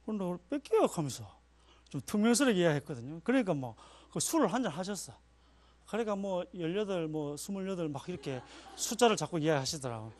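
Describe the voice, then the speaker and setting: A man's voice: fairly high pitch, expressive, fast talker, darkish tone. A male pastor giving a chatty sermon, telling personal stories and laughing at himself. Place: church.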